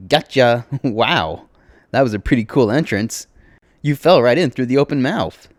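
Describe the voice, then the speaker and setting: A man voicing a cheerful, clueless, playful young woman who talks in a bubbly, excitable way. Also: on the low side, normal speed, dry recording, studio quality, lightly acted.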